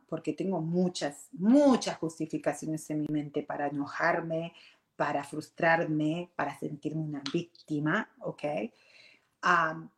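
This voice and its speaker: A woman gives a reflective personal talk on meditation and emotions. She talks earnestly, restarts phrases often, keeps checking in with "ok?" and slips in English words. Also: low-pitched. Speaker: meditation and self-growth speaker. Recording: roomy echo.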